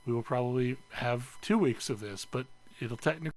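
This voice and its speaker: A man's voice: mid-range voice, brisk, a little mellow. A man hosting a casual gaming podcast, rambling a little with fillers as he signs off. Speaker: podcast host.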